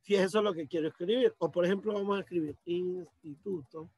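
High-voiced man teaching a computer class. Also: a little fast, darkish tone, no echo. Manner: patient step-by-step explaining, addressing students. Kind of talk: screen-share computer lesson. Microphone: computer mic on a video call.

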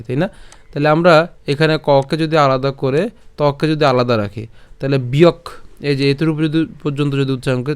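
A man teaching verse pronunciation in a patient, step-by-step way, asking and answering his own questions and chanting verse lines slowly. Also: fairly high pitch, darkish tone, smooth. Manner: slow drawn-out chanting of verses. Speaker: Gita recitation teacher. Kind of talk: pronunciation lesson.

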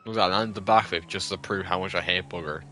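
A man with a low, forceful voice, audibly drunk, talking on a game stream. He rambles crudely and swears freely. There is some background noise with game ambience behind him. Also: fairly even intonation, fast. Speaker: live streamer playing a video game. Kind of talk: casual game-stream chat.

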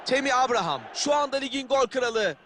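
A man doing excited, screaming play-by-play football commentary for a video game, as if calling every attack live. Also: very high-pitched, a little fast. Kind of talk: match commentary.

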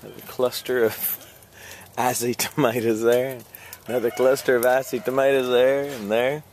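A man's voice: mid-range voice, flat delivery, normal speed, a little mellow, slight background noise. A man from Texas giving a casual, rambling walkthrough of his garden outdoors, with lots of fillers and little chuckles. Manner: rambling, hesitant, many fillers, chuckles often. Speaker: vlogger. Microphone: handheld camera.

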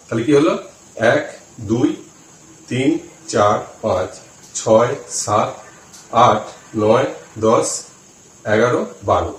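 A man giving a slow, deliberate lesson on chanting, counting aloud as he shows the finger positions. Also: medium pitch. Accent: Bengali. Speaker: spiritual teacher. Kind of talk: instructional talk to camera. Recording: roomy echo, voice from some distance.

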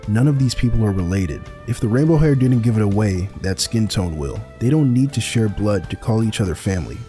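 A man's voice: lowish voice, animated, fairly quick, mellow, soft background music. A young man narrating a scripted video essay in a dry, sarcastic way.

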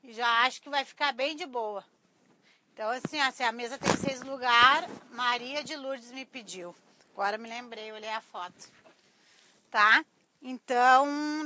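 A middle-aged Brazilian woman speaks in a thin, reedy voice that sits high and has a sharp, slightly cracked edge. She chats informally to her viewers, like a craft teacher running a relaxed live class. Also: measured pace, a little hiss or hum. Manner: chatty, informal, often addressing viewers. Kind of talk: casual live-stream tutorial chat. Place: small cluttered craft workshop indoors. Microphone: clip-on lapel mic.

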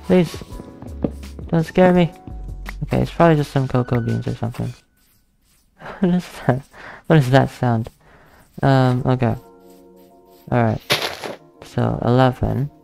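Seated at his desk, a young man whose first language isn't English plays through a game for his channel, narrating casually in a slow, halting way. He counts out loud under his breath, thinks aloud, lets out nervous laughs and is easily frightened. His voice is mid-pitched, creaky and gravelly, with soft music faint underneath.

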